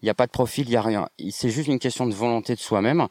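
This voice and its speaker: A man's voice: medium pitch, very fast, darkish tone, no room sound. A man who trains and organizes slackline, answering interview questions in a rambling way full of fillers. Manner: rambling, many fillers and restarts.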